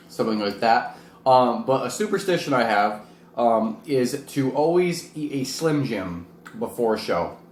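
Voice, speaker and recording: A man chatting casually and informally to camera as a vlog host, rambling a little and poking fun at himself. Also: medium pitch. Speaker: vlog host and amateur wrestler. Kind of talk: casual chat to camera while eating hot wings. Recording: roomy echo with faint background noise.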